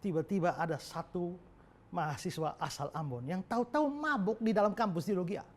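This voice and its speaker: A male pastor preaching a sermon with animated, emphatic storytelling. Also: high-pitched, a little fast.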